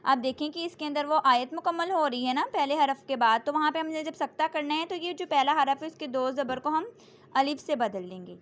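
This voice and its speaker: A woman teaching Quran reading rules, explaining patiently and then slowly spelling out and reciting words for learners to follow. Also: high-pitched, fairly bright tone. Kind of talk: step-by-step recitation lesson.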